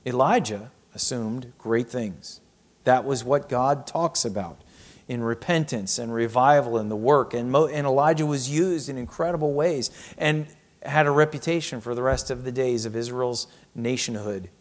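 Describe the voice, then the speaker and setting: A man's voice: mid-range voice, moderate pace. Man preaching a sermon, reading scripture. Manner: reads scripture aloud, then reflects with rhetorical questions. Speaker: pastor.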